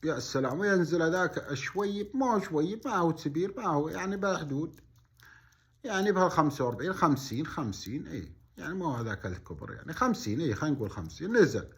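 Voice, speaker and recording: Telling a story in a colloquial, animated style, a man with a Bedouin Gulf Arabic accent acts out dialogue and throws in exclamatory asides and repeated phrases. His voice is fairly high and his pace is quick.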